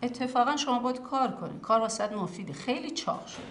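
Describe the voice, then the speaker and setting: Woman acting as a no-nonsense doctor, bit high, echoey room. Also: expressive, a little hiss or hum, lightly acted. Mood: matter-of-fact. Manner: matter-of-fact, scolding. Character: blunt woman doctor giving advice. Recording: roomy echo.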